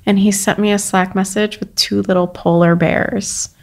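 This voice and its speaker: A woman being interviewed, talking openly and warmly about her work and feelings, with plenty of casual fillers. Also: medium pitch, moderate pace, vocal fry. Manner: animated, chatty, full of 'like' and 'you know' fillers; open and emotionally candid. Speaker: interview guest.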